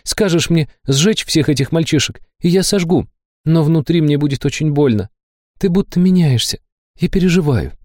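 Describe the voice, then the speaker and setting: A man's voice: on the high side, expressive, normal speed, a little mellow, no room sound, clean studio sound, voice pushed up, natural voice. A man voicing a young female student who scolds her friend, angry yet caring, in an audiobook reading. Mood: worried. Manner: scolding, worried, raised voice. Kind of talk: audiobook character voice.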